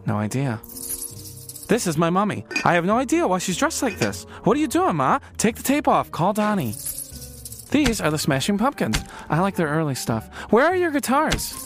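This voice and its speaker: A man's voice: high-pitched, wildly swooping pitch, moderate pace, soft background music. A man playing a brash, flippant wisecracker in a cartoon, jokey in his delivery. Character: wisecracking, brash presenter of spooky characters. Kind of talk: animated comedy monologue.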